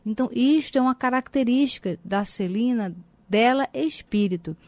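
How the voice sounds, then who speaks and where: Woman cohost, bit high, dry close sound, gets super animated telling stories. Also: normal speed, no echo. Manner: animated storyteller, acts out quoted dialogue. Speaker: co-host. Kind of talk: casual chat on a spiritist program.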